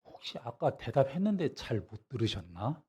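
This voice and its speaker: A man preaching a revival sermon as pastor. He tells the story with animation, asks the congregation questions, and speaks the dialogue in a hushed, lower voice. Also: big pitch swings, moderate pace, slightly rough.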